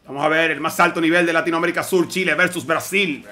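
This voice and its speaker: A man doing energetic live play-by-play commentary on a fighting game match, urgently calling every move and addressing viewers directly. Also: fairly high pitch, fast. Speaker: esports caster.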